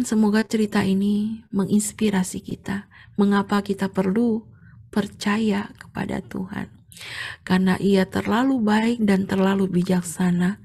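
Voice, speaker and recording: A woman speaking at an online youth prayer meeting, telling a story and exhorting listeners, her voice dropping soft and low near the close. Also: creaky, breathy edge. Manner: expressive, encouraging, softens to near-whisper at the close. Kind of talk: storytelling sermon. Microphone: online meeting mic.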